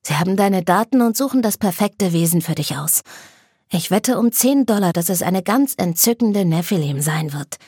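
A woman reading a story aloud, voicing a calm, kind teenage vampire boy who speaks gently. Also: lowish voice, normal speed, husky, dry recording, clean studio sound. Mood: gentle. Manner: gentle, soothing.

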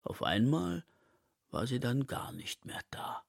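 A man voicing a gentle, wistful male elephant who speaks slowly and with longing. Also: medium pitch, sing-song, creaky, dry recording, studio quality, full character voice. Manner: slow, longing, soft-spoken.

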